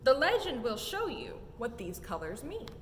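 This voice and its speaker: At a moderate pace, a young woman reads a picture book for story time in a museum exhibit room, her voice high-leaning, highly animated and sing-song. Emphatic rises and falls track the rhymes, and the reverberant room adds echo and a low rumbling noise.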